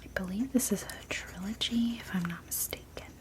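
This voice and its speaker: A woman in a whispered role-play as a gentle, sleepy librarian, speaking softly and unhurriedly as she works at her desk. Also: mid-range voice, moderate pace. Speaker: ASMR performer playing a librarian. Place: small indoor room at a desk.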